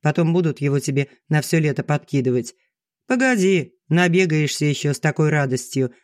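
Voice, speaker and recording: A man reading an audiobook, voicing a grumbling, sharp-tongued middle-aged village woman who teases her friend. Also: a little high, lively intonation, a little fast, no echo, clean studio sound, natural voice. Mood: scoffing. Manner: gruff and teasing. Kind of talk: audiobook dialogue.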